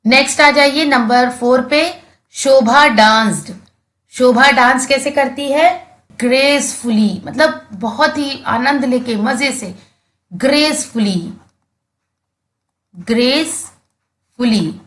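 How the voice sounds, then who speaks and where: An Indian woman teacher, a Hindi speaker, explaining English textbook words slowly and patiently, repeating each key word. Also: a little high, a bit bright.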